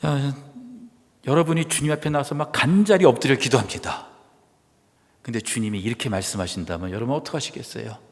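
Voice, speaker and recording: A man preaching a sermon as pastor, swinging from loud cries to hushed, whispered asides. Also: medium pitch, fairly quick, big-room sound. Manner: dramatic shifts from loud exclamation to hushed whisper. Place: church sanctuary.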